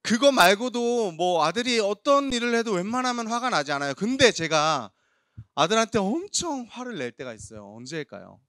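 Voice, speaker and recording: A man's voice: high voice, very animated, normal speed, dry recording, studio quality. A man in his thirties preaching a youth sermon in church, telling stories and asking the congregation questions. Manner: warm storytelling with audience questions. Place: church hall.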